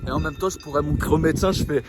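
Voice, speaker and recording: Out on a mountainside, a man films a casual vlog, cracking jokes and swearing in loose slang while addressing the camera. His voice is on the high side and his delivery rapid-fire, with music in the background.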